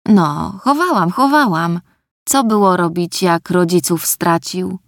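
A woman's voice: fairly low pitch, takes it slowly, no echo, studio quality. A woman voicing a scornful old dwarf granny. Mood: grumbling. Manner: scornful, blunt scolding. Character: sharp-tongued old female dwarf, scolding. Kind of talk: audiobook character voice.

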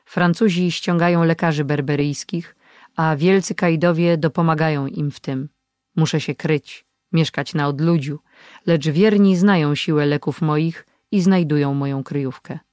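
An old hermit healer and sorcerer, played by an audiobook reader, gives orders with calm authority. He speaks like a stern elder who expects to be obeyed. The storybook recording is dry, with no room sound. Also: mid-range voice, moderate pace, no echo, lightly acted. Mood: earnest. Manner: commanding, authoritative. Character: old male mountain healer and sorcerer, commanding.

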